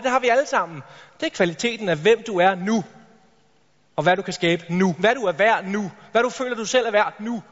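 High-voiced man speaking on a stage. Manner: energetic, addresses the audience directly with rhetorical questions. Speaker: motivational speaker. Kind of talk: live motivational stage talk. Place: large hall with a stage. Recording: reverberant hall, dull lo-fi sound.

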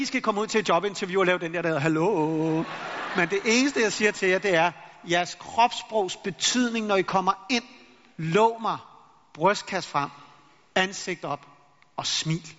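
A high-voiced middle-aged man speaks as a motivational speaker, acting out anecdotes with lively energy. His voice rings with a long hall reverb, and the recording sounds dull and lo-fi. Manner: lively storyteller who acts out anecdotes. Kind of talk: motivational talk to an audience.

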